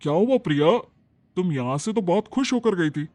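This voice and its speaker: A woman voicing a young husband, lower and weary as he reasons with his wife. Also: animated, moderate pace, warm tone, lightly acted. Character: young husband, easygoing and exasperated.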